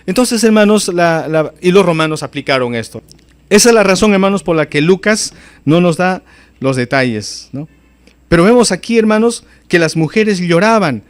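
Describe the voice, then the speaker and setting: Emphatic preaching man, slightly high voice. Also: lively intonation, normal speed. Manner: emphatic preaching, often addresses listeners as brothers and sisters; rises sharply in pitch on emphatic phrases. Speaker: pastor. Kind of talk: sermon.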